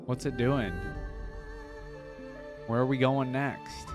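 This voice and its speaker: A video creator reacts to a track with casual, enthusiastic, exclamatory commentary while its orchestral music plays in the background. His voice is mid-range, the delivery flat, the pace slow.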